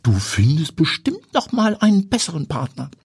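A man's voice: fairly high pitch, wildly swooping pitch, moderate pace, slightly rough, dry recording, studio quality, voice pushed up, heavily acted. A man reading a story voices a strict, cautious woman who gives firm warnings in a raised voice. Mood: consoling. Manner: stern, instructive. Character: strict, wary woman friend, adult.

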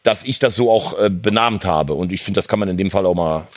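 A football reporter telling stories in a casual chat, animated and full of fillers and restarts. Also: male voice, low voice, a little fast.

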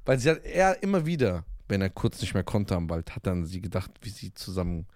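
A man's voice: sits low, sing-song, a little fast, a little mellow, no echo, studio quality. A man co-hosting a casual podcast, teasing his friend and acting out film scenes. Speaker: podcast co-host.

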